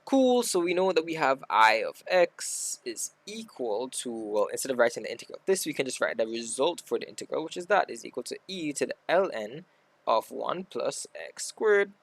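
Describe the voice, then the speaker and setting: A man's voice: mid-range voice, very animated, normal speed, gravelly, dry recording. A man tutoring maths, talking casually through a worked example step by step and correcting himself as he goes. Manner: talks through steps aloud, self-correcting. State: hiccuping.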